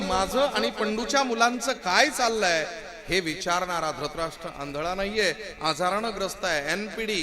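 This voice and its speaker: Animated guy telling a story at a kirtan, voice sitting kinda high, very theatrical. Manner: animated and theatrical, joking with the sound crew. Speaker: kirtan performer.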